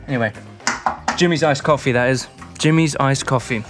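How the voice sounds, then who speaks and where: Speaking at medium pitch and a moderate pace, a UK man in his thirties chats his way through a building project, thinking aloud and teasing himself. This casual workshop vlog was shot on a head-mounted action camera in a garage, where the sound echoes and music plays underneath.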